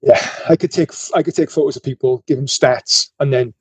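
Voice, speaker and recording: A man from the United Kingdom co-hosting a podcast, telling stories in casual chat, excitable and laughing often. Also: mid-range voice, brisk, husky, dry recording, rough recording. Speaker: podcast co-host.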